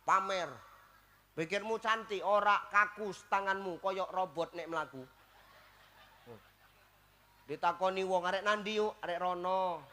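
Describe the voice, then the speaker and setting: A man's voice: high voice, sharp tone. A man preaching a comic sermon to a live crowd, teasing the audience and often asking them to agree.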